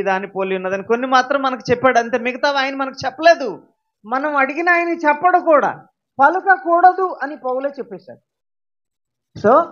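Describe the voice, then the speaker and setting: A man's voice: sits high, fairly bright tone, highs cut off. A male pastor with a Telugu accent preaching a sermon, questioning his listeners and rising into emphatic bursts.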